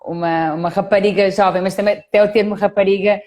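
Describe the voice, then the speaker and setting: A woman's voice: medium pitch, steady tone, quick pace, darkish tone. A woman hosting a casual live-stream interview, speaking with hesitant fillers. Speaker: host. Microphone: video call.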